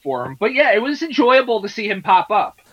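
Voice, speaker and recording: A man's voice: high-pitched, very animated, brisk, no echo, muffled recording. A man co-hosting a casual movie review podcast, easygoing and agreeable, often trailing off and restarting. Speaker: podcast co-host.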